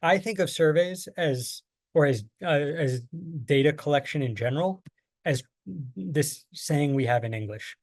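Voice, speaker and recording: Speaking a little slowly in a voice on the high side, with no room sound, an American workshop presenter teaches survey design in an online training lecture. He is patient, illustrating points with plain everyday examples.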